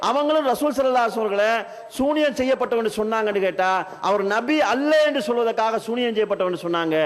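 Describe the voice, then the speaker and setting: A man with a Sri Lankan Tamil accent giving a religious lecture at a conference, arguing forcefully with rhetorical questions. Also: extremely high pitch. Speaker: speaker at an Islamic conference. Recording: long hall reverb.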